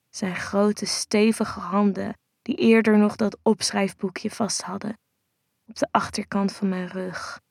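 A woman narrating a first-person erotic audio story in a soft, intimate, hushed way. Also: mid-range voice, creaky, no echo, studio quality.

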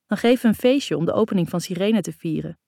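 A woman's voice: medium pitch, lively intonation, quick pace, creaky, mellow, no echo, clean studio sound. Woman reading as an easygoing young man. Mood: breezy. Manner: light, teasing, breezy.

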